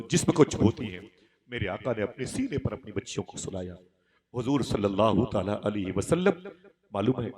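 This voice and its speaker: Middle-aged male preacher, emotional sermon, dramatic storyteller, hushed grief to fervent swells. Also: lowish voice. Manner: dramatic storytelling, swings between hushed grief and raised fervor. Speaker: Islamic preacher.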